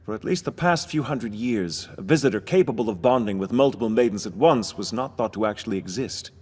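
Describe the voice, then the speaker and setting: A man voicing a calm, serious adult adviser in an anime English dub, explaining steadily. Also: fairly low pitch, fairly quick, husky. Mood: grave.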